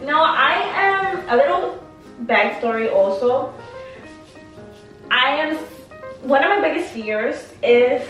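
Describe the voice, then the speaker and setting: A high-pitched young woman chatting away in a casual vlog, self-mocking and talkative. Her voice bounces around a very echoey room, picked up by a camera mic set well back from her. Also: recorded from a distance. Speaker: vlogger. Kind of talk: casual chat. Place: apartment living room.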